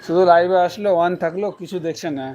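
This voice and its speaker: A man's voice: sits high, fairly even intonation, fast talker, a little mellow, lo-fi sound, a little hiss or hum. Man chatting on a phone live stream. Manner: reads out viewer comments and answers them teasingly. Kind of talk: casual live-stream chat reading viewer comments.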